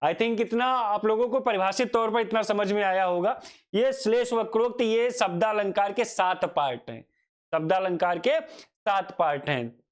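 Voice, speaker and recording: A man delivers a Hindi grammar lecture in a high-pitched voice at a moderate pace. He poses questions to himself, repeats every definition, and fondly calls his students "child."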